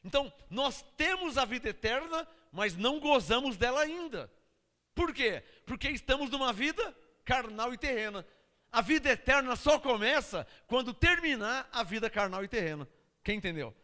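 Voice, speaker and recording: A man's voice: very high voice, animated, normal speed, pushed and bright, big-room sound. A man preaching a sermon to a congregation, asking them to answer back and repeat after him. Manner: preaching with call-and-response questions to the congregation. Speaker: pastor.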